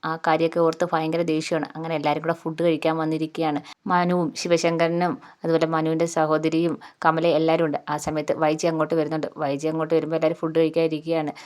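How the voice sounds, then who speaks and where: A woman narrating a TV serial episode in a casual, rapid, run-on retelling. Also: sits low, monotone, darkish tone.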